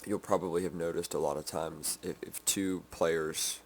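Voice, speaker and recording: A sleepy man giving a casual game development update, halting with many ums and restarts. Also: deep voice, steady tone, slight background noise. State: sleepy, yawning.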